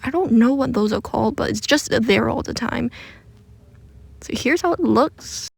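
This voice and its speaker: A woman's voice: on the high side, expressive, moderate pace, gravelly, slightly rough, no echo. A woman recording under a blanket, giving a casual, self-deprecating voice-over for a craft tutorial. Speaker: craft video creator narrating a DIY attempt. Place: recording under a blanket, close and muffled from room sound.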